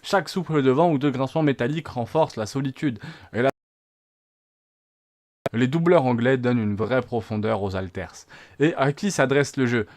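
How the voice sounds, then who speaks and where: A man's voice: medium pitch, moderate pace, pauses often, a little mellow. A man narrating a scripted video game review with dramatic, punchy phrasing and rhetorical questions.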